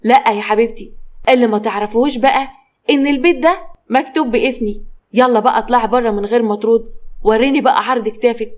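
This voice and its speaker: Brief: woman as a sharp-tongued Egyptian wife, fast and cutting, in a storybook reading. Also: a little high, close to an everyday voice. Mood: furious. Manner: sharp, insulting, nagging. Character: shrill, scolding young wife who throws out her mother-in-law.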